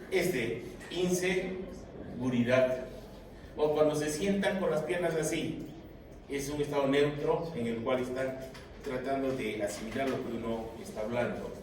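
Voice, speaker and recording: A man giving an animated, joking classroom lecture to his students. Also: mid-range voice. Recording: echoey room, mic far off, noisy.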